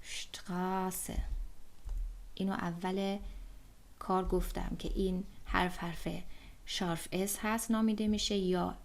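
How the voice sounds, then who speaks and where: A woman's voice: medium pitch, flat delivery. A woman teaching German pronunciation in an online lesson, explaining patiently step by step with frequent fillers.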